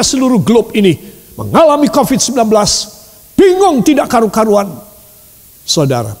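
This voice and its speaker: A man in the pulpit delivering a dramatic sermon, his high voice leaping and dropping in wide swings as he calls out to the congregation. He moves from loud bursts to hushed asides. The long reverb of a large hall hangs on every phrase. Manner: keeps addressing the congregation directly, with English words mixed in. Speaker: pastor. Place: church service hall.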